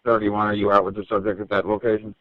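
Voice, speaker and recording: A man's voice: fairly low pitch, level tone, fast, no echo. A male police dispatcher heard over a police radio transmission, reading out units and addresses in clipped, methodical calls. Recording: narrow tinny radio channel, dry.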